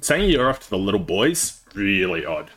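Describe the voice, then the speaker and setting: A man's voice: sits low, very animated, moderate pace, fairly bright tone, a little hiss or hum. A young man co-hosting a casual podcast, rambling through laid-back anecdotes. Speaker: podcast co-host. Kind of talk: casual chat.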